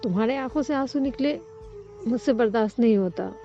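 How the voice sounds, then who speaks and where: A caring, protective young woman, tender and anxious, coaxing her partner gently in a slightly raised voice, as a woman narrator voices her. The tone is mellow and warm. It is heard on a slightly dull recording with soft music behind. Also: a little high, a little fast, close to an everyday voice.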